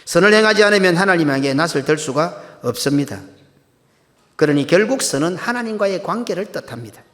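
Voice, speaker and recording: A man's voice: high-pitched, a bit bright. Emphatic male pastor preaching. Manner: emphatic, rhetorical questions to the congregation. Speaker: senior pastor. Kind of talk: sermon. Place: church sanctuary. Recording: long church hall reverb.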